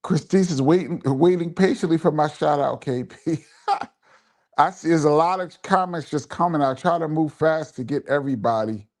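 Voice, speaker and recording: A DJ with a fairly high-pitched voice runs a live stream at a normal pace. He chats casually through viewer comments and memories, shouting people out and repeating phrases for emphasis.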